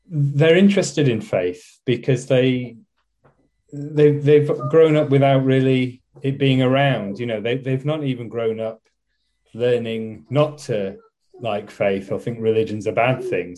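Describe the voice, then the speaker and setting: A man's voice: mid-range voice, dark tone. A man from West Yorkshire with a Yorkshire accent, a college chaplain answering interview questions in a casual, self-deprecating way with frequent restarts. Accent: Yorkshire English. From West Yorkshire, England.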